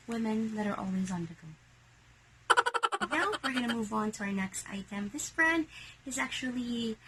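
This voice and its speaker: A Filipino woman in a casual vlog, showing and selling secondhand bags in a hushed, half-whispered voice. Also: medium pitch, a little hiss or hum, low-quality recording. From Philippines.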